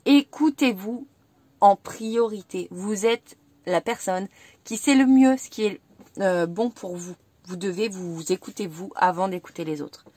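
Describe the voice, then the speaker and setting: A woman reading tarot cards for her viewers, in a gentle, reassuring way that repeats key advice. French is her first language. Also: on the low side, unhurried, dry recording. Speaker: tarot reader.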